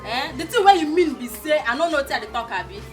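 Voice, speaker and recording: An actress playing an angry, wronged compound wife in a Nigerian comedy film, scolding loudly in Nigerian Pidgin and repeating herself for emphasis. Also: female voice, high voice, big pitch swings, quick pace. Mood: indignant, menacing. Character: angry, wronged compound wife whose goat was stolen. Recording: music and crowd behind the voice.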